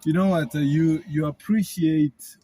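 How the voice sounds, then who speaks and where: A man hosting a podcast from inside a classic car, upbeat and enthusiastic, laughing often and giving shout-outs. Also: on the high side, steady tone, a little slow, slightly rough. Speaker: podcast host. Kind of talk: casual podcast chat.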